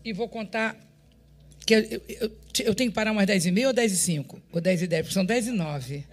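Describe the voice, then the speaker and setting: Pastora brasileira animada contando testemunho. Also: female voice, medium pitch, a little fast, soft background music. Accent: Brazilian Portuguese. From Brazil. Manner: animated, dramatic storytelling that acts out dialogue and often breaks into laughter. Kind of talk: testimony preached to a congregation.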